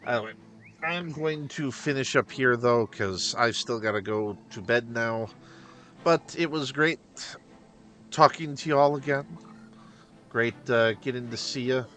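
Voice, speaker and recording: A young man hosting a casual gaming livestream, rambling and commenting on his own fast talking. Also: mid-range voice, fairly bright tone. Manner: rambling, self-aware about talking fast. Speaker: streamer host.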